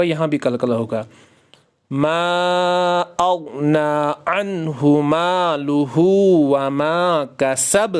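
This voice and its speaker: A man with a slightly high voice teaches Quran reading, slowly spelling out each word letter by letter. He pauses for quick explanations of the rules, posing questions and answering them himself.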